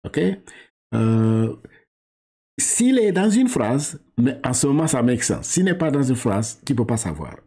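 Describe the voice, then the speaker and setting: Warm in tone, mid-range, with big swings in pitch, this Senegalese man speaks with a Senegalese French accent while patiently leading a Quran reading lesson. He stretches syllables slowly, repeats, corrects, and restarts haltingly.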